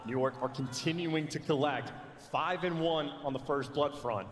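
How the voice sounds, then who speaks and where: A man's voice: on the high side, normal speed. A man giving live esports commentary as an analyst caster, emphatic and explanatory. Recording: echoey hall with music behind.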